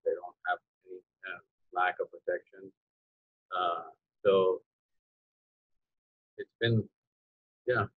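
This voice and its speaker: A low, flat-voiced man in his fifties from Iran speaks haltingly on a video call, restarting his sentences again and again. The audio is dull and lo-fi, with a dry, close sound. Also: breathy edge. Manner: hesitant, halting with many restarts and fillers. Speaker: photographer and photography teacher. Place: home room with dark curtain. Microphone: video call computer mic.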